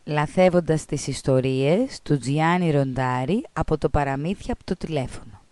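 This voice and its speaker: A woman with a Greek accent, reading children's stories with a co-host on a radio show in a playful, animated way. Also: low voice, no room sound. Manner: animated, playing a scolding teacher's lines.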